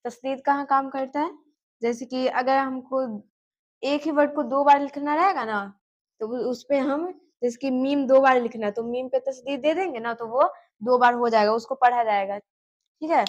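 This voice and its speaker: A woman teaching a beginner lesson on writing, who patiently repeats each sound, slows down to spell it out and keeps checking that the learner follows. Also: sits high, steady tone, lo-fi sound. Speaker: Urdu teacher.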